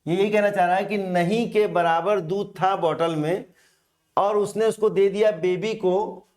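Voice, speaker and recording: A man's voice: high voice, fairly even intonation, darkish tone. A man teaching an exam-prep English grammar lesson, explaining step by step and asking and answering his own questions. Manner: slow and deliberate, stretching example words.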